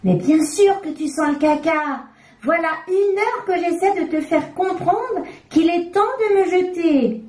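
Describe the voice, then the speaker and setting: A woman voicing a grumpy, complaining talking diaper in a children's storybook, high and whiny. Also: expressive, measured pace, darkish tone, roomy sound. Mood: grumbling.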